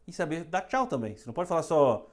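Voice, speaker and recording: A woman with a Brazilian accent teaching English phrases in a lesson, saying each one slowly so students can repeat it. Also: sits low, sing-song, a little mellow.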